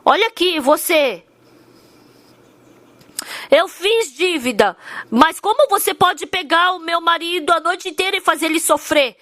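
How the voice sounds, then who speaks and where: A woman's voice: extremely high pitch, animated, unhurried, pauses often, a bit bright, no echo, heavily acted. A woman voicing an indignant honest wife. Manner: firm, scolding.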